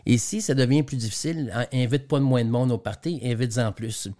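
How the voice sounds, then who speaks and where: Warm in tone and brisk, with a medium pitch, this Quebec man speaks with a Quebec French accent as a guest trainer on the radio. He lays out business examples and tends to repeat words along the way.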